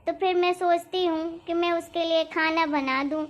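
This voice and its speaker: A woman voicing a gentle older mother-in-law. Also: extremely high pitch, steady tone, normal speed. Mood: firm. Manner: gentle, patient, pleading tone. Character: kind hardworking older mother-in-law, soft-spoken. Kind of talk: cartoon voice acting. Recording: dull lo-fi recording.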